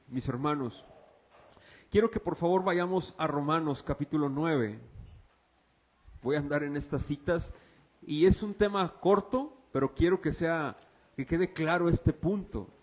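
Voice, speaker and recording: An unhurried man with a Mexican accent preaches a sermon as a pastor. He poses rhetorical questions to the congregation and alternates between loud, raised passages and quiet, low ones.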